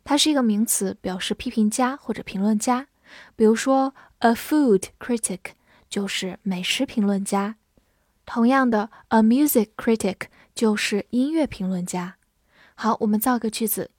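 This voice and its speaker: Woman teacher, high-ish voice, dry close sound, spells and reads words slowly. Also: a little mellow, no echo. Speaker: English teacher. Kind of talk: vocabulary lesson.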